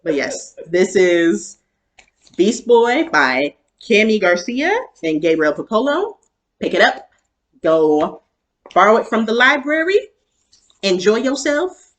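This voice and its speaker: Tipsy, giggly woman with swinging pitch. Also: sing-song, slow pace. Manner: tipsy, loose rambling talk; giggly, breaks often into laughter. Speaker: book club co-host. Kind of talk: casual book review chat.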